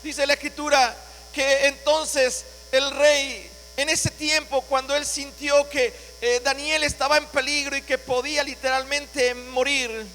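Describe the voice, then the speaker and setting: A man delivers a sermon in a strikingly high, bright tone, dramatizing the words of scripture. His voice rings through a church hall with a long echo. A faint electrical hum sits underneath. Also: little pitch movement, unhurried. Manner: dramatic preaching, voicing scripture with rising intensity. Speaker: pastor.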